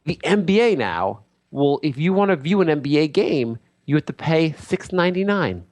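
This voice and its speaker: A man voicing a pompous self-styled male lord and sports insider in an improvised comedy bit, rambling through a grandiose sales pitch. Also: sing-song, normal speed, darkish tone.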